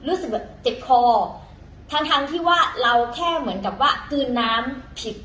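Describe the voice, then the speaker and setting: A woman's voice: high voice, expressive, normal speed, pushed and bright, roomy sound, a little hiss or hum, low-quality recording. A woman teaching in a casual, chatty way, full of fillers and self-corrections, talking to viewers as younger siblings. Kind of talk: casual vlog-style lesson.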